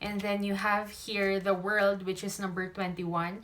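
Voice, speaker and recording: A woman's voice: mid-range voice, flat delivery, a little slow, noisy background. A woman with a Filipino accent gives an intuitive tarot reading to viewers, speaking up over rain in a conversational way without a proper microphone. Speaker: tarot reader and channel host. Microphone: no usual microphone, camera's own mic.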